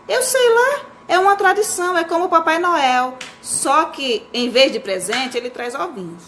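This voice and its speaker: A woman's voice: a little high, lively intonation, unhurried, sharp tone, a little hiss or hum. A woman reading aloud and voicing an indignant, pious mother who scolds her son. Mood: scolding.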